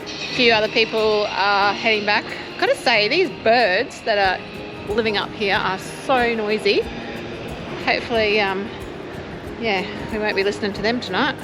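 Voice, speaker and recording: A woman's voice: medium pitch, normal speed, over music, rough recording. An Australian woman chatting informally as she narrates a travel vlog. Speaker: travel vlogger. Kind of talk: casual vlog chat.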